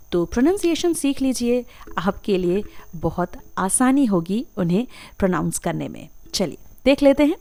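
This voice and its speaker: Narrating slides for a slow vocabulary lesson, a woman English teacher patiently says each term and carefully repeats it. Her voice is medium-pitched and a little mellow.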